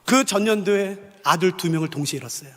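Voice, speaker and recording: A man's voice: high voice, fast talker, in a large hall. A man preaching a sermon as pastor, telling stories with passion and acting out the voices of the people in them. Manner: impassioned storytelling, acting out quoted voices.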